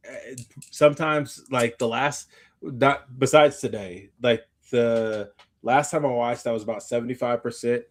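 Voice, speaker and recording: A tired-sounding podcast host chats casually at a medium pitch and an unhurried pace. He rambles and often backtracks partway through his sentences.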